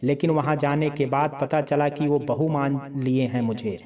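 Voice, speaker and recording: A man voicing a tender, easily hurt young woman doctor in a spoken storybook, talking softly and a little slowly. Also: medium pitch, steady tone, a crowd in the background, close to an everyday voice.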